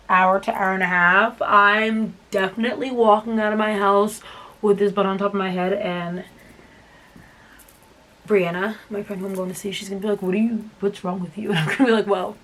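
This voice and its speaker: A woman's voice: medium pitch, fairly bright tone. A young woman chatting casually to camera at home while braiding her hair, exasperated and self-mocking. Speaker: hair vlogger. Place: at home, indoors.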